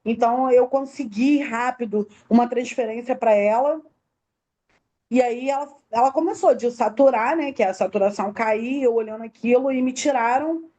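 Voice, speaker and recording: Woman, soft mellow voice. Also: a little high, normal speed. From Brazil. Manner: tells the story in detail, acting out quoted dialogue. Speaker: interview guest, bereaved mother. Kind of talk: emotional personal testimony.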